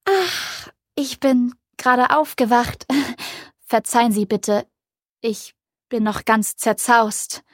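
A vain, coquettish flower, voiced by a woman in a storybook reading, talking in a high, affected, pampered way. The recording is dry and close. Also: normal speed, dry recording, natural voice. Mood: drowsy, affected.

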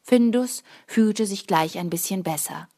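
A woman narrating a children's storybook aloud in a calm, even manner. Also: mid-range voice, unhurried. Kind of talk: storybook reading.

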